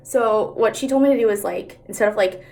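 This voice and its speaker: A woman's voice: medium pitch, brisk, gravelly, darkish tone. A woman chatting casually through a makeup tutorial, candid, slangy and sweary, talking out of the side of her mouth.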